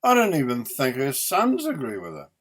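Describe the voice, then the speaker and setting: An opinionated vlogger in his eighties with a New Zealand accent rants off the cuff, indignant, sweary and emphatic, leaning hard on stressed words. His mid-range voice swings hugely in pitch, at a moderate pace, in this unscripted angry rant.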